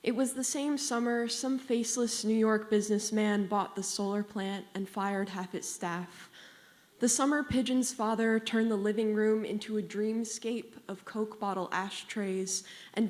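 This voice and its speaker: A teenage girl reading her own short story aloud, measured and unhurried in a literary way. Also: medium pitch, steady tone, a little mellow. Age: teens. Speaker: young fiction writer.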